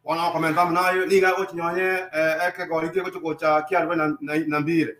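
Male sermon interpreter, high monotone voice, echoes each line, roomy church sound. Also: fairly quick. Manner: echoing each line in call and response.

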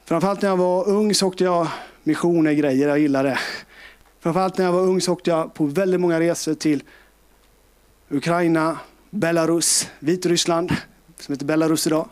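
A middle-aged man preaching a sermon with passion, swinging between loud calls and hushed, tender tones. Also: on the high side, steady tone, clear, resonant tone. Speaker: pastor.

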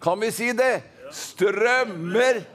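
A Norwegian man delivers a fervent Pentecostal sermon in a high-pitched voice, speaking rhythmically and calling for responses from the congregation.

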